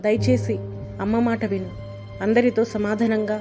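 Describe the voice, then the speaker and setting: A woman's voice: medium pitch, little pitch movement, normal speed, over music, natural voice. A woman playing a devout mother scolding her grown son with earnest, preachy warnings, in an amateur short drama. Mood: stern preaching.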